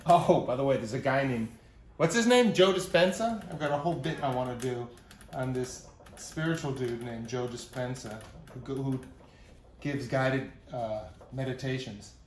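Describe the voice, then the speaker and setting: New York man, middle-aged, mid-pitched, chatty asides, roomy sound. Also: moderate pace. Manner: rambling, jokey asides, talks to his gear. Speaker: synth repair vlogger. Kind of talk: casual rambling commentary while working. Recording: roomy room, faint hiss.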